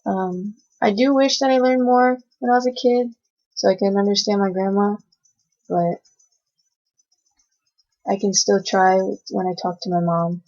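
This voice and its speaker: Speaking at a measured pace with long pauses, a young American woman reads a class presentation from her notes and hesitates often. Cantonese was her first language. Her voice sits mid-range with fairly even intonation and a darkish tone, captured on a dull lo-fi recording.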